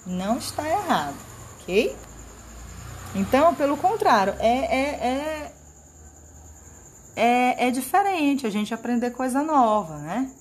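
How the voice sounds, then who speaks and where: A patient woman teacher with a Maranhão accent explains things slowly and clearly to children. She checks in often to keep the class with her. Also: sits high, sing-song, a little hiss or hum. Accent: Maranhão Brazilian Portuguese. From Maranhão, northeastern Brazil.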